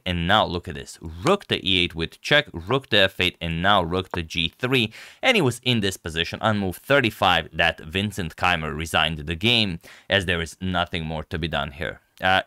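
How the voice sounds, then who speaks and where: A man giving casual, explanatory move-by-move commentary on a chess game in a measured way. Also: low-pitched, sharp tone, no room sound, studio quality. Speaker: chess commentator and channel host.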